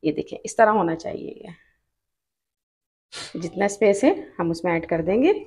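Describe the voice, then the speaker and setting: A woman's voice: fairly low pitch, lively intonation, moderate pace, darkish tone, husky. Woman with a pakistani urdu accent walking through a recipe step by step, patient, says every tip twice. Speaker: cooking channel host. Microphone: off-camera voice over hands-only cooking shots.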